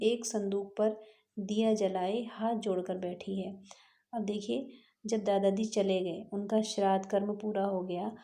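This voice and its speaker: A woman teacher reading a textbook chapter aloud and then retelling each passage in simpler words, slowly and patiently, with pauses. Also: medium pitch, warm tone. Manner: slow, patient explaining with pauses and restarts. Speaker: school teacher.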